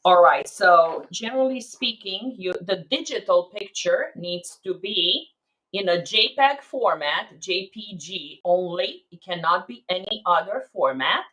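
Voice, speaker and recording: A woman's voice: lowish voice, animated, measured pace, a bit bright, rough recording. A woman immigration attorney answering viewers' questions on a live stream, explaining step by step and checking in with "okay?".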